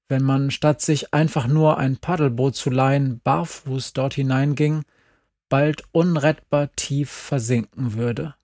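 A man reading a first-person story aloud, calm and measured. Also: medium pitch, no room sound, studio quality. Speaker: audiobook reader. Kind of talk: scripted first-person narration.

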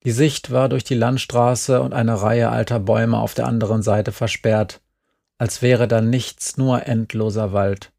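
A man reading a novel aloud in calm, subdued narration. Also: medium pitch, unhurried, vocal fry. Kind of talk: scripted audiobook narration.

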